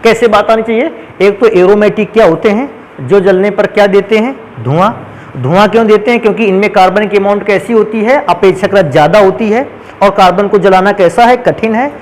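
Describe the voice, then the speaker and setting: A man's voice: high-pitched, fairly quick, slight background noise, rough recording. A man teaching a chemistry lesson who keeps asking his students questions and answering them himself, speaking. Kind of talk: classroom lecture.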